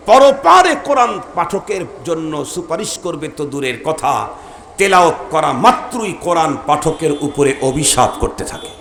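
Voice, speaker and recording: A man's voice: a little high, fairly bright tone, echoey room, slight background noise. A man preaching a sermon to a gathering, repeating his points emphatically and putting questions to the crowd.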